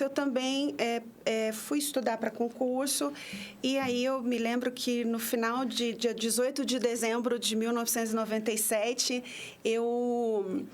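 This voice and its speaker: A woman in her fifties, a prosecutor from inner São Paulo state in Brazil, appears as a podcast guest and recounts her story in a halting way full of restarts. Her voice is on the high side, and the conversational interview carries a little hiss or hum.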